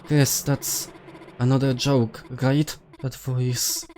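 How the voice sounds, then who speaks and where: A man voicing a shy, nervous young deer girl from a game, talking in a halting, stammering way. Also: medium pitch, level tone, a little mellow, slight background noise, close to an everyday voice. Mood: frightened.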